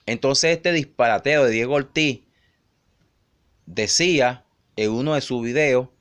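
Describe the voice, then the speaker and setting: A middle-aged man preaching in an emphatic, scolding way, dropping to low murmurs and rising to raised cries. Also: measured pace, a bit bright, clear, resonant tone. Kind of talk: online sermon rebuttal video.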